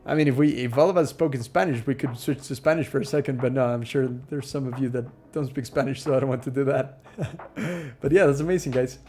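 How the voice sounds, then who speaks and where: A man from Ecuador runs a laid-back live stream Q&A, reading viewer questions aloud and chatting comfortably, with plenty of ums and uhs filling the gaps. His pitch is an ordinary middle range. Faint, soft music plays in the background.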